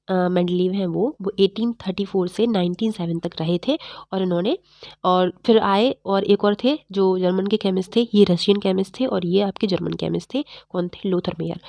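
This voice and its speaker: A woman teaching chemistry in a fast, repetitive exam-prep lecture, slightly unwell. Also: mid-range voice, creaky, a little mellow, no room sound, clean studio sound. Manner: fast-talking, repetitive quizzing of students.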